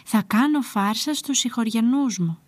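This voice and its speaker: A woman voicing a bored, mischievous young male shepherd who shouts excitedly. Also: a little high, dry recording. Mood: bored, scheming.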